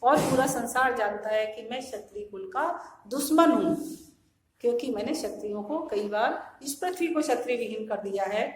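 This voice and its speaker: A woman teacher giving a classroom lecture. She recites verse lines slowly and loudly, then explains them in plain speech with rhetorical questions to the class. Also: on the high side, reverberant, slight background noise, poor audio. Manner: asks rhetorical checks of the listeners.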